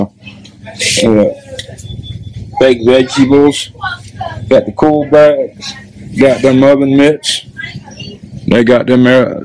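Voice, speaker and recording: A man's voice: medium pitch, a little mellow, low-quality recording. A man live-streaming a walk through a discount store, joking and rambling in a folksy way, into a handheld phone. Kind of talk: casual live-stream shopping commentary.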